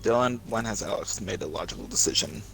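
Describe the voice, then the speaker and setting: A man's voice: on the low side, lively intonation, fast talker, gravelly, fairly bright tone, slight background noise, poor audio. A man co-hosting a game stream, teasing the player with dry remarks. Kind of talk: casual game commentary.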